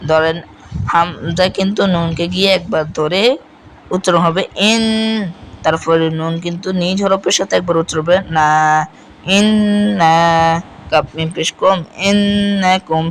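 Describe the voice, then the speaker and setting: A man teaching Quran recitation, spelling out letters and vowel marks, then reciting each word slowly and repeating it. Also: sits high, a bit bright, slight background noise, low-quality recording. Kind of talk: step-by-step recitation lesson.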